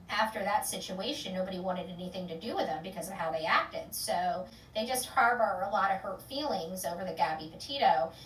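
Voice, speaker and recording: A woman hosting an online true-crime channel rambles casually with lots of fillers and restarts before finishing with loud, upbeat sign-off catchphrases to her viewers. Her voice is lowish, and the rough recording is roomy and distant with a little hiss or hum.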